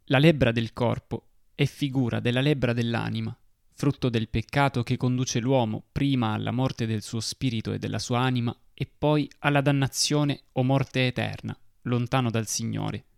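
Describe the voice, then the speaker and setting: A man giving a slow, solemn devotional reading. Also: medium pitch, fairly even intonation, gravelly, no echo, clean studio sound.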